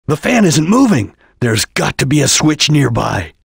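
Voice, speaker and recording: A serious ninja chameleon from a video game. The voice is heavily husky and breathy, recorded close and dry. The delivery is solemn, terse and watchful, with a disciplined formality. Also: male voice, on the high side, big pitch swings, unhurried, no echo, heavily acted. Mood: urgent, alert. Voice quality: husky, gravelly. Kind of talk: English video game voice acting.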